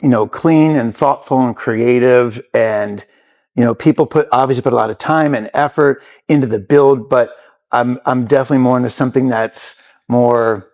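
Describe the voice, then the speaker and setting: A man in his fifties, a podcast guest who jokes and chimes in quickly during casual chat. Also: medium pitch, darkish tone. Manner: joking, quick to interject.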